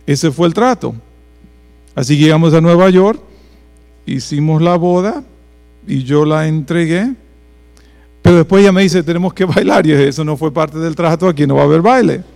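A fairly high-pitched male pastor, telling stories and speaking straight to his congregation. His voice rings out in a church hall with long reverb trailing behind each phrase, and a faint electrical hum runs underneath. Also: moderate pace, gravelly, long pauses, a little mellow. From Dominican Republic. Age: 40s. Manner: storytelling, addresses congregation directly. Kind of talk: bilingual church sermon with personal stories.

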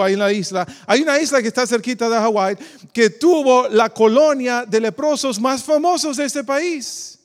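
High-voiced pastor, hall reverb. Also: male voice. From Dominican Republic. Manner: preacherly, asks the congregation questions, calls them "queridos". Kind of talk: sermon.

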